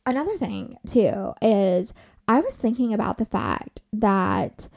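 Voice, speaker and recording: A woman's voice: medium pitch, expressive, slow, creaky, darkish tone. A woman in her twenties hosting her own podcast, talking casually from her bed in a chatty, rambling way with lots of "like". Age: 20s. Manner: rambling, chatty, says "like" a lot. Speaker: podcast host. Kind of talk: casual solo podcast rant.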